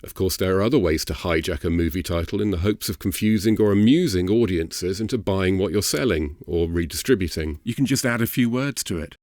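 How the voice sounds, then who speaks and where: A man's voice: low-pitched, a little fast, hardly any pauses, a little mellow, no echo. A man narrating a scripted video essay about horror films as host, with a dry, wry delivery. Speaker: host and film critic. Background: music.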